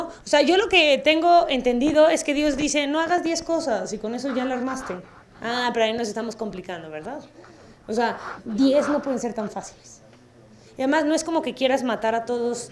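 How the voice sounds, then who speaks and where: A woman lectures in an auditorium, speaking. Her voice sits fairly high. She keeps things lively, putting questions to the room and adding playful asides. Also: a little fast. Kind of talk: public talk with audience questions.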